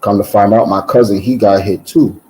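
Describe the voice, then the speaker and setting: A man giving a casual, animated personal testimony, repeating words and filling pauses with "um". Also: fairly low pitch, low-quality recording.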